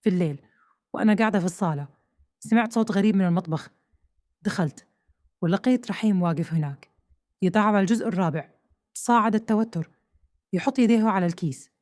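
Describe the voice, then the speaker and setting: Fast-talking Hejazi Saudi woman storyteller. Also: mid-range voice, a little mellow, no room sound, clean studio sound. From Saudi Arabia. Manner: tense, questioning, dramatic. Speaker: narrator. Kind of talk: first-person dramatic storytelling.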